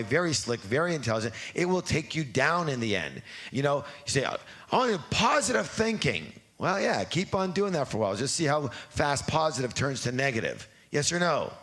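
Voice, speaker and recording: A man addresses a live seminar audience, his pitch leaping around expressively. He drifts into rambling stories and acts out his own inner voice. He also leads the room in call-and-response chants. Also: fairly bright tone. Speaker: seminar trainer.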